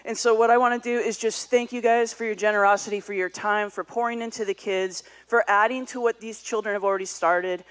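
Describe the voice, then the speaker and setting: A woman's voice: medium pitch, fairly even intonation, fairly quick, few pauses, clean tone. A woman giving church announcements in a sanctuary, conversational with casual fillers.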